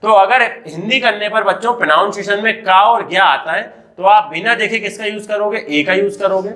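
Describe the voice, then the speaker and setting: High, bright-voiced Indian man teaching. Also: brisk. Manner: repeatedly asks and answers his own questions, addressing children. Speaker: English teacher. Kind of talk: classroom lecture.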